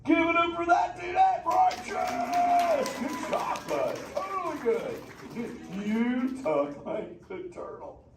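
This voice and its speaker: A man's voice: very high voice, big pitch swings, unhurried, hardly any pauses, over music, full character voice. A man voicing a laid-back male sea turtle who talks in a slangy surfer drawl, chatting live with a theater audience. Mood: stoked. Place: indoor theater show. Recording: echoey theater, distant, noisy.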